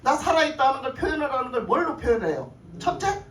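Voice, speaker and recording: A woman's voice: high voice, very animated, fast talker. A woman pastor preaching a sermon, often asking the congregation questions, repeating her phrases and chuckling. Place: church sanctuary. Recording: echoey room, voice from far off, faint noise.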